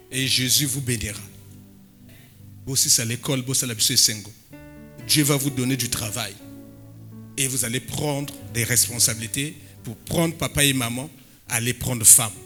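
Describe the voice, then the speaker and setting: Emphatic preacher with a bright voice. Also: male voice, medium pitch. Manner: preaching with sudden loud emphatic bursts, mixing in Lingala phrases. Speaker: pastor. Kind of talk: sermon.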